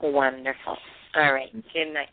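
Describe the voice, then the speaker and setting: Deep, even-toned woman over the phone. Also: a little slow. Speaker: radio show co-host. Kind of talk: casual sign-off chat. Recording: thin telephone-line sound.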